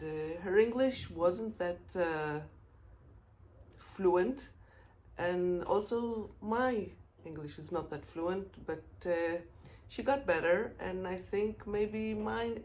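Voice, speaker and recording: This casual knitting podcast monologue comes from a middle-aged Israeli woman, a Hebrew native speaker with a low, darkish voice. She talks slowly and haltingly, filling gaps with "uh" and "um" while she hunts for the right English words, as a faint hum lingers in the background.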